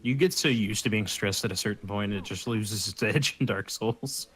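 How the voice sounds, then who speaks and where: A man's voice: fairly low pitch, moderate pace, a bit bright, faint music behind. A man co-hosting a let's-play video, wisecracking and laughing while he plays. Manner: wisecracking, playful, laughs often. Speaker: gaming video co-host. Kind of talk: casual let's-play banter.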